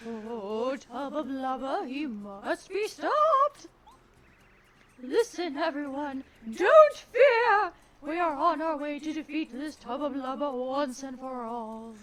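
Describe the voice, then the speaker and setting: Haughty game ghost princess, put on by a woman; lofty, high, drawn-out delivery. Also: lively intonation, a bit bright, full character voice. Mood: heroic. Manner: drawn-out, dramatic exclamations.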